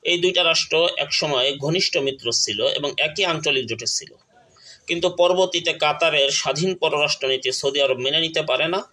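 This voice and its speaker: Earnest and direct, an online channel speaker addresses viewers about politics in a slightly high, bright voice with a forceful edge. He sometimes stammers or starts over, leans on each example as he lists it, and the recording quality is low.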